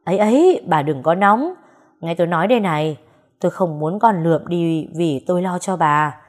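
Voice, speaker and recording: A woman's voice: on the low side, fairly even intonation, fairly quick, lightly acted. A woman voicing a lecherous middle-aged man who wheedles and makes excuses. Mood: wheedling.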